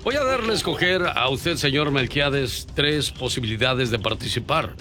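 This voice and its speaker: A man's voice: mid-range voice, lively intonation, normal speed. A male radio host who teases a caller with a mock-serious, showman delivery. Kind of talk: comic radio prank bit. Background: music bed.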